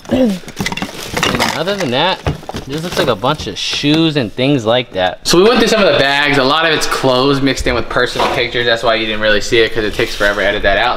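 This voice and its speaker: A young man talks through his finds in a storage unit, chatty and joking as he thinks out loud. His voice sits at an ordinary pitch, and loud noise runs under the recording. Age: young adult. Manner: chatty, joking, thinking aloud while rummaging. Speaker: storage unit treasure hunter. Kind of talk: casual vlog narration. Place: indoor metal storage unit.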